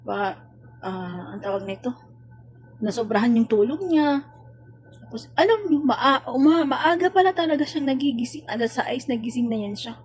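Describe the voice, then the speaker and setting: A woman's voice: fairly high pitch, moderate pace, slightly rough. A Filipina woman, a domestic worker, venting about a coworker in a casual, exasperated vlog rant. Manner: exasperated, complaining, animated retelling.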